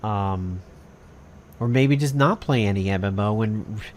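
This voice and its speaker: A man's voice: on the low side, a little slow, a little hiss or hum. A man talking to camera as a gaming video host and guild master, in a candid, rambling, reflective way with casual swearing.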